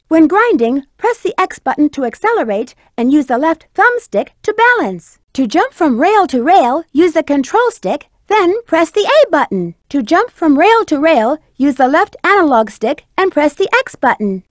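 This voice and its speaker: A woman voicing a sultry, confident female bat treasure hunter in a video game, with crisp, coquettish, instructive delivery. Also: high-pitched, dry recording, clean studio sound. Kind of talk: video game voice acting, tutorial hints.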